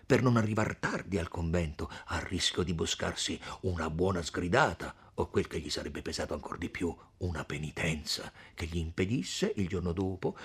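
A man narrating a classic story in an expressive, theatrical reading style. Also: deep voice, vocal fry, slightly rough. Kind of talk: dramatic audiobook narration.

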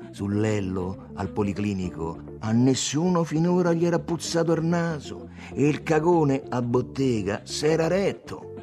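Expressive male literary audiobook reader. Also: fairly low pitch. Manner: expressive, theatrical reading.

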